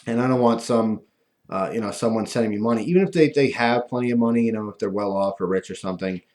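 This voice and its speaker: A man talking casually and ramblingly to viewers, with a lispy voice from missing front teeth that softens his F and V sounds. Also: on the low side, quick pace. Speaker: video host.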